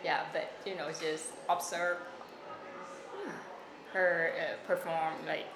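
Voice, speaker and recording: A Thai woman with a deep voice and flat delivery is being interviewed in English for a casual oral history. She speaks haltingly, searching for words and filling pauses often, in an echoey, noisy room.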